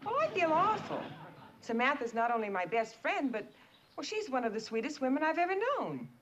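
An actress playing a prim, bossy middle-aged wife who talks in a fussy, instructive way. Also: female voice, high voice, very animated, fairly quick, highs cut off. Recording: hissy old TV soundtrack.

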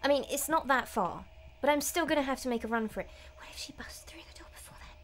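A middle-aged woman, a game streamer and voice actress, rambles nervously and casually through a horror game, sometimes dropping to a whisper. Her voice sits high and sounds animated and fast. Her desk mic is set slightly away from her face, and there's a little hiss or hum.

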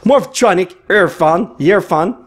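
Excitable man opening cards. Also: sits high, takes it slowly. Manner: excitable, reads out card names, mixes in English exclamations. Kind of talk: casual unboxing commentary.

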